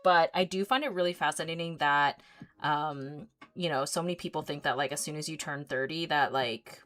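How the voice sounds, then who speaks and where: A woman's voice: low voice, normal speed, a bit bright. A woman in her thirties hosting an art livestream, chatting casually as she paints, rambling with lots of fillers and easy giggles. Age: 30s. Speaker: artist livestream host.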